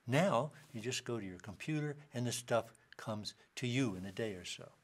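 A man's voice: medium pitch, lively intonation, moderate pace. Man giving a dry, witty lecture. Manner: dry wit, reads quotations aloud. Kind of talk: university lecture.

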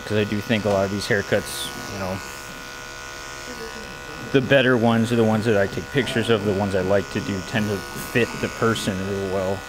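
Electric clippers buzz and hum clearly as an American barber works in an indoor shop with brick walls. His fairly low voice stays steady at a moderate pace. It's a haircut tutorial, delivered in an easygoing, explanatory way as he thinks aloud.

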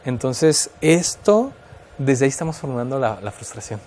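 A man's voice: mid-range voice, sing-song, normal speed, darkish tone, a little hiss or hum. Mexican man explaining child development. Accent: Mexican Spanish. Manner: thoughtful, explains with many fillers and restarts. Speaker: guest expert on child development. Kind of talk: explanatory radio talk.

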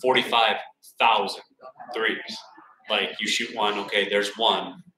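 A young man hosting a sports radio interview live from a bar, upbeat and energetic. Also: lowish voice, background noise. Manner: energetic, upbeat, fast bursts. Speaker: radio play-by-play announcer hosting. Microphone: table mic. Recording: roomy bar sound.

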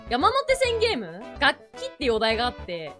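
High-pitched woman, lively swooping voice, casual streamer chat, laughing often, music behind. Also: brisk. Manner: animated, laughs a lot while recounting.

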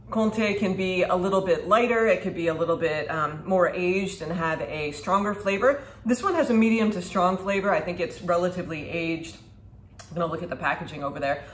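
This food vlogger, a woman in her thirties on the low side of pitch, runs through a casual product review in her home kitchen with a bright, talkative demonstration. The camera sits a few feet from where she stands at the counter. Slight background noise and faint ambience mix with the kitchen's echo.

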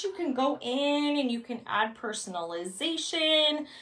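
In a small indoor room, a woman in her thirties, a bag consultant, shows off bags in a product vlog with a chatty, upbeat manner and plenty of ums. Her voice is high-pitched with a fairly bright tone. The mic sits well back from her, so the room sounds echoey.

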